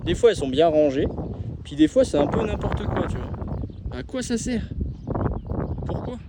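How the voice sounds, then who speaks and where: A man's voice: a little high, very animated, moderate pace. A man from northern France chatting casually through a travel vlog outdoors, rambling and asking viewers questions. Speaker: travel vlogger. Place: outdoors, ruins and seaside. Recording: noisy outdoor camera audio.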